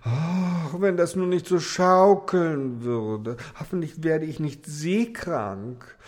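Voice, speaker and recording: A man's voice: a little high, takes it slowly, darkish tone. A man voicing a vain, haughty female darning needle in a fairy-tale audiobook, prim and self-important. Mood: prissy.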